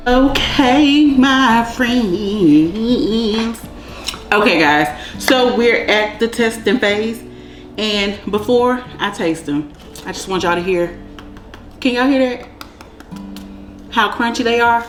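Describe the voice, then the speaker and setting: Woman cooking vlog host, chatty, says y'all and child a lot, roomy kitchen sound. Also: mid-range voice. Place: home kitchen.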